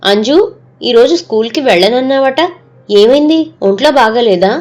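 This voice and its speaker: A woman voicing a middle-aged father who is hurried and evasive, talking briskly. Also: on the high side, a little mellow, natural voice.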